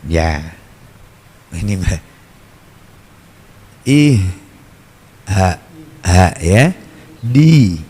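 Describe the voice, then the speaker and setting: A man's voice: on the low side, a little hiss or hum. A man with a Javanese accent teaching Quran recitation to a congregation, patiently drilling each letter sound again and again. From Java. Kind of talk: tajwid lesson to a congregation. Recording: long hall reverb.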